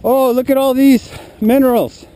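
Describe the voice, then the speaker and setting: A man's voice: very high voice, steady tone, normal speed, warm tone, smooth. A man chatting casually while hiking through a forest, explaining the map and rocks with dry jokes, recorded on a head-mounted camera. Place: forest hillside outdoors. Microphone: head-mounted action camera. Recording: noisy outdoor action-camera audio.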